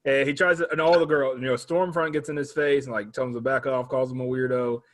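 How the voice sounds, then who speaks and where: A man's voice: medium pitch, fairly even intonation, fast, slight background noise. A man in a casual chat who explains a show's plot step by step, quoting the characters as he goes. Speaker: podcast guest. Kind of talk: casual chat recapping a TV show.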